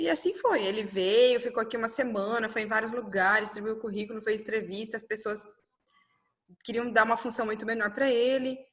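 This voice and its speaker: Animated woman telling her life story. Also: fairly high pitch. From Brazil. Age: 30s. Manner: animated, quotes dialogue, frequent "né?". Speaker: interviewee. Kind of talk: personal storytelling interview.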